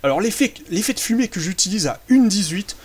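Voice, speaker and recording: A man's voice: high-pitched, expressive, brisk, slightly rough. A man chatting casually through a behind-the-scenes commentary on his own fan film, self-amused and full of hesitations.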